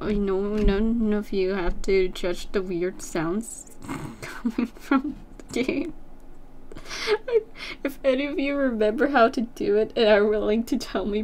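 A chatty woman talks her way through a game at an unhurried pace, her voice sitting a little high. It leaps even higher whenever something excites her. Faint keyboard clicks tick along behind her. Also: a little hiss or hum. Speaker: gameplay streamer. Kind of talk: casual gameplay commentary.

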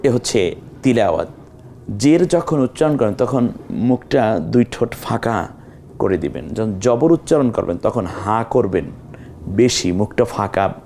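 A man teaching Quran recitation step by step, patiently repeating words and breaking into drawn-out melodic chanting of the verses. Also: fairly low pitch, mellow, slight background noise. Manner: drawn-out melodic chanting of Arabic verses between plain explanations. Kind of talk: slow step-by-step recitation lesson.

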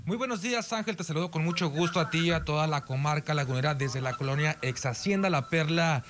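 A man with a northern Mexican accent reports live from the field in a fairly high voice. He hesitates often and leans on fillers. Faint noise runs behind him. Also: quick pace, a bit bright.

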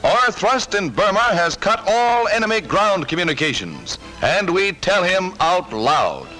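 A man's old newsreel narration, pitched high and swinging up and down with lively emphasis. His delivery is brisk and punchy, a 1940s wartime announcer's voice. Loud music plays under every line. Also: rough recording. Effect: old newsreel soundtrack.

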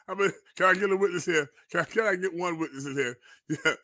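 This pastor hosting a live online show has a high-pitched, sharp voice and talks fairly quickly, with no echo. Indignant and emphatic, he fires rhetorical questions and repeats phrases, his fiery commentary carrying a preacher's rhythm.

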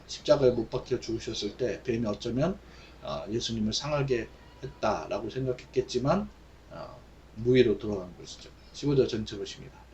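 A man teaching English Bible verses, reading each line slowly and then explaining it in Korean with many fillers. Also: medium pitch, lo-fi sound, slight background noise.

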